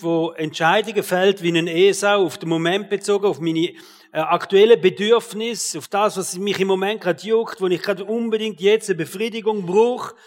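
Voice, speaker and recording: A man with a Swiss German accent preaches a sermon, swinging from loud rhetorical questions to quiet, low asides, and the sound carries the feel of a big room.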